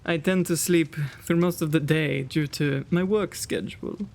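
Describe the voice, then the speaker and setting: In an ASMR roleplay, a man voices a kind, gentlemanly vampire, speaking in an intimate one-sided dialogue. His slightly high voice carries a creaky edge, and he moves unhurriedly, with courtly, old-fashioned manners that are gentle and easily flustered. The mood is kind and soothing.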